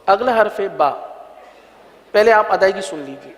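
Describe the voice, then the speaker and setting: A man teaching a religious recitation lesson, patiently sounding out each letter slowly and repeating it for learners to copy. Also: sits high, animated, long reverb tail.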